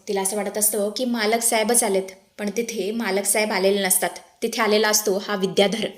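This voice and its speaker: A woman narrating a TV serial recap in a lively storytelling manner, addressing listeners as friends. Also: medium pitch.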